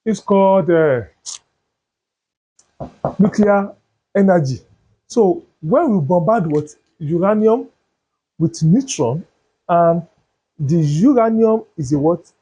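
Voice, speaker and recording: Male chemistry teacher, slow, mellow and husky, quizzes the class and supplies the answers. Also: sits high, animated. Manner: asks questions and fills in the answers himself. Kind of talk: chemistry lesson. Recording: dull lo-fi sound.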